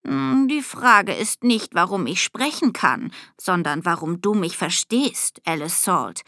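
Woman doing a smug sarcastic talking cat, slow drawl, bone-dry booth sound. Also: medium pitch, animated, a bit bright, no room sound, natural voice. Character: sarcastic talking male tomcat, nonchalant and teasing.

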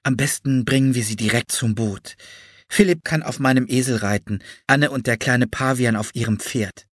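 A man voicing a kind, motherly nurse in an audiobook, gentle and soothing. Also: medium pitch, normal speed, dry recording, clean studio sound, lightly acted. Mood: caring. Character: kind, motherly nurse woman, calm and caring. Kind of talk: audiobook character voice.

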